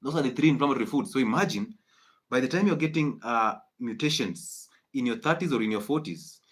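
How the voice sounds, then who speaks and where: A man's voice: mid-range voice, lively intonation, a little fast. A man giving a live-streamed health lecture, emphatic and preachy, repeating his key points. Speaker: health educator.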